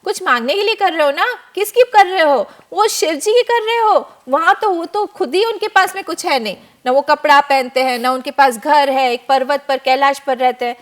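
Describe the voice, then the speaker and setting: A proud, boastful male king of heaven from a told story, coaxing and bragging in a raised, high voice, as a woman puts him on. He talks down to the listener and sounds sure of his power. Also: moderate pace, hardly any pauses, lightly acted.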